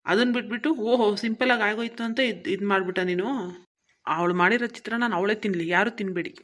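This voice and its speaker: A woman's voice: medium pitch, brisk, a bit bright, natural voice. A woman voicing an impatient young husband in a cartoon, scolding his wife. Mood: angry. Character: angry young husband, the son. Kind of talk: cartoon voice acting.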